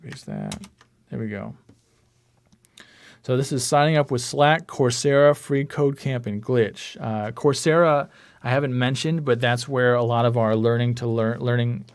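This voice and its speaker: A man's voice: medium pitch, normal speed, smooth. A man teaching a live online class over a video call, casually talking through each click on his screen. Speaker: course instructor. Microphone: computer mic on a video call.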